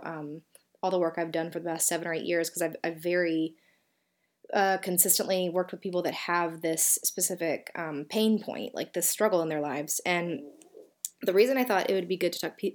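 A woman with a Southern US accent hosting a solo podcast, talking in a chatty, reflective way with frequent fillers and self-corrections. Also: lowish voice. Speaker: podcast host.

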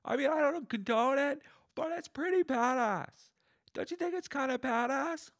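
A man putting on a squeaky, breathless voice for an overexcited young man ranting at a stranger in a bar. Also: moderate pace, a bit bright. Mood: manic. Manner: squeaky, breathless barroom rant.

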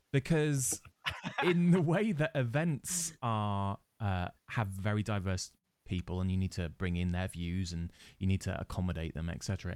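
A man with a lowish voice co-hosts a casual podcast chat, playful and quick with a joke. The sound is dry and close, with no room around it. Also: a little mellow, no echo. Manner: chatty, playful, interrupts with jokes. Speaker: podcast co-host.

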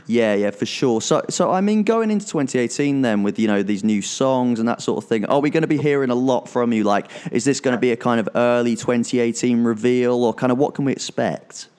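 A man's voice: mid-range voice, fairly quick, few pauses, a little mellow, smooth. A man interviewing a musician, asking long, rambling questions full of restarts and fillers. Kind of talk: casual interview.

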